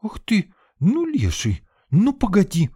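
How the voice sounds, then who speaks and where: A man voicing a shrill, bossy young woman. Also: huge pitch swings, slow pace, dark tone, husky, exaggerated voice. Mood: scolding. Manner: scolding, shrill and exasperated. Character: bossy young female student cook, quick-tempered.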